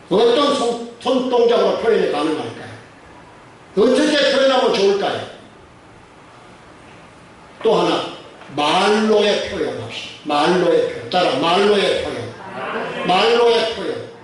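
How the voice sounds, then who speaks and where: High-voiced pastor in a very echoey church. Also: male voice, slight background noise. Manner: asks the congregation many questions, repeats phrases. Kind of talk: sermon. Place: church sanctuary. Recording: very echoey church hall from far off.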